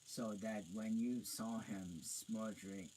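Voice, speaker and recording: A man reading a storybook aloud, slowly and haltingly, stumbling and restarting as he goes. His voice sits low, and a faint hiss runs underneath. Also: steady tone, dark tone, poor audio. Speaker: reader.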